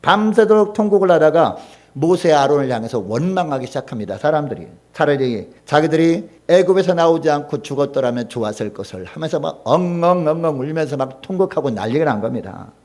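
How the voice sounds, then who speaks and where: A male pastor delivering a Sunday sermon with a fairly high voice. He preaches in an animated way, throws rhetorical questions at the congregation and acts out the lines he quotes. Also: a little fast.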